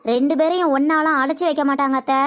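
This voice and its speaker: A woman voicing a calm young niece in a comedic cartoon, reasoning and soothing to end a quarrel. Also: high voice, fast. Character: calm young niece trying to keep peace.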